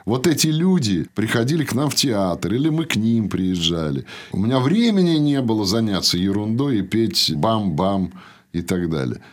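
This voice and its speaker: An older man, a teacher, recounting anecdotes in an interview with a trained stage voice and lively delivery. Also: lowish voice, normal speed. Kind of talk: conversational storytelling.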